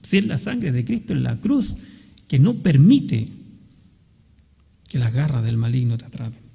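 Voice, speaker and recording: A man's voice: mid-range voice, lively intonation, measured pace, gravelly, warm tone, husky, long reverb tail. A man with a Chilean accent preaching a sermon as pastor, earnestly checking that the congregation follows along. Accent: Chilean Spanish. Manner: earnest preaching, often asking the congregation questions. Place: church sanctuary.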